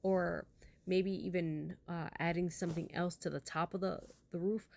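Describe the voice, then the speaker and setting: Low-voiced woman judge giving encouraging feedback. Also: steady tone, normal speed, vocal fry, a little hiss or hum. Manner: encouraging, praise mixed with gentle suggestions. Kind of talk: casual spoken critique.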